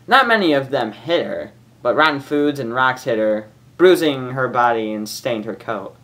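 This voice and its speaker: An amateur reader and host narrates fan fiction informally and emotively, reacting casually to the story, in a slightly bright, medium-pitched voice.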